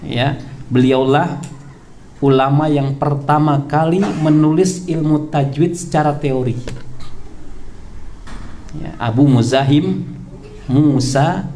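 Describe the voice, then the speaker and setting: An Indonesian man teaching a mosque study circle, his voice a touch higher than most men's. He repeats key points and stretches out the terms he wants remembered. A faint hiss runs under the recording. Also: mellow. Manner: repeats key points, drawls terms slowly, chuckles with the congregation. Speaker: religious teacher. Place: prayer room hall.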